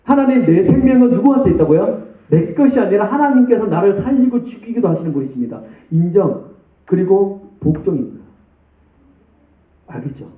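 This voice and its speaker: A man preaching a sermon to a youth group, lively and addressing students by name. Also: high-pitched, brisk. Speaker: pastor. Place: church hall. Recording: roomy, distant church hall sound.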